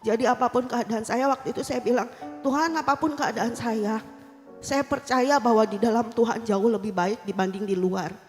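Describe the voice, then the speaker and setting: A woman's voice: on the high side, moderate pace. A woman telling her personal faith testimony in a casual, earnest way, often repeating "I said" as she tells her story. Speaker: church member giving testimony. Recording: long hall reverb with soft music behind.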